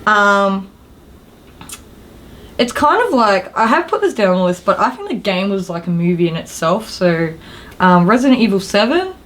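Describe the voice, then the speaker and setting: A woman with a medium-pitched voice, big pitch swings and a normal pace co-hosts a gaming show. She chats casually about games and films in an informal, slangy, mildly sweary way.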